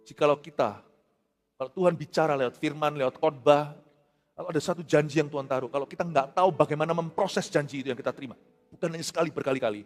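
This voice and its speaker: Animated high-voiced man preaching in a hall. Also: fast, faint music behind. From Indonesia. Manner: animated, acts out quotes, mixes in English phrases. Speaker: pastor. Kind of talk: sermon.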